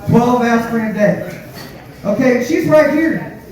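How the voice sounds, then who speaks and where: A man performing live stand-up comedy, telling crude, profane, dark-humored stories in a conversational way straight to the crowd. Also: very high-pitched, lively intonation, unhurried. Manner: conversational storytelling, addresses the crowd directly. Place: live comedy show with audience, echoey room. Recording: echoey room, distant mic, audience noise.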